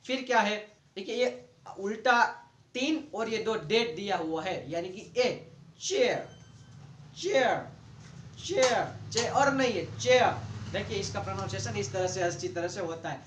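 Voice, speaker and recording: Indian male tutor, high voice, patient explainer, echoey room. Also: slight background noise. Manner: patient, repeats words slowly to model sounds. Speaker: teacher. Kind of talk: online lesson explaining dictionary pronunciation.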